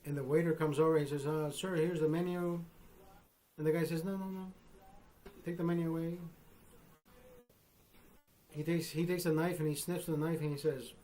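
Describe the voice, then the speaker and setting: With a warm, steady, slightly high voice, a live-streaming man in his fifties takes his time on a long, profane joke, leaving long pauses at a moderate pace. A bit of hiss or hum sits under the audio, and he laughs often, adding "bro" and "right?".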